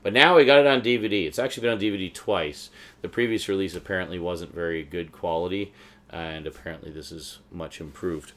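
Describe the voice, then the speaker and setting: This is a man's low, slightly bright voice moving fairly quickly. He's a vlogger presenting his DVD haul in casual, off-the-cuff commentary, wandering from point to point like an eager fan.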